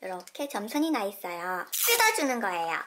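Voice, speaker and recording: A woman's voice: mid-range voice, wildly swooping pitch, normal speed, background noise. A woman hosting a toy unboxing video, narrating cheerfully for children with playful exclamations. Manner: playful, exclaims often, talks to kids.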